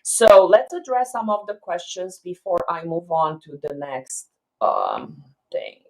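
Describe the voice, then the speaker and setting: A woman's voice: lowish voice, sing-song, measured pace, darkish tone, rough recording. A woman immigration attorney answering viewers' questions on a live stream, explaining step by step and checking in with "okay?".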